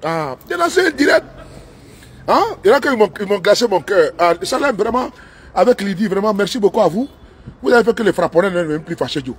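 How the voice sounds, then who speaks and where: A man's voice: high voice, very animated, fast talker, husky. A man streaming live from inside his car, talking in a long, repetitive, rambling monologue and slipping into broken English now and then. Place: inside his parked car with engine running.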